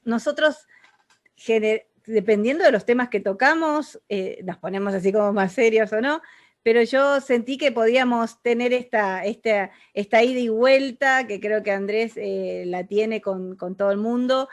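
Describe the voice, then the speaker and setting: A woman's voice: on the high side, normal speed, no echo. A woman with an Argentine accent hosting an interview, chatty and agreeable in a casual conversation. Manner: chatty, agreeable, with frequent assent. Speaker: interview host.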